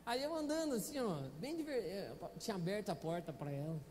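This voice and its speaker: A man's voice: high voice, animated, brisk, darkish tone, big-room sound, slight background noise. A male pastor with a Brazilian Portuguese accent, preaching a Sunday sermon in a chatty, playful way and often asking the congregation questions, on a handheld microphone in a church. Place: church auditorium.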